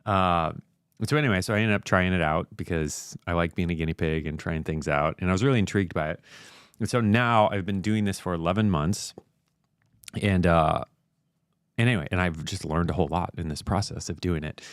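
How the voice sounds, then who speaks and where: A man hosting a casual live stream, chatty and relaxed with many fillers. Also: low voice, brisk, clean tone, dry recording, clean studio sound. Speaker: host.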